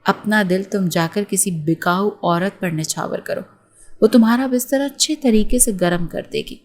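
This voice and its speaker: A woman's voice: medium pitch, a little mellow, natural voice. A woman voicing an angry, proud young working woman who scolds sharply. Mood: furious.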